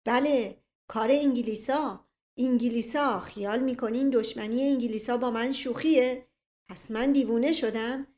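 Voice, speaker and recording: Woman doing a paranoid old uncle yelling at everybody, loud furious rant. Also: a little high, lightly acted. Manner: loud outraged ranting. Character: paranoid older male uncle, furious and ranting.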